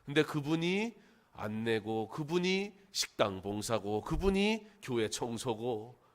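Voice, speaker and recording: A middle-aged man preaches a Sunday sermon from a church pulpit, his voice sitting at an ordinary middle pitch. He drops to quiet, low asides, then climbs into loud, emphatic lines. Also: big pitch swings, takes it slowly. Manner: swings between soft asides and rising emphatic preaching. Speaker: pastor. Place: church sanctuary.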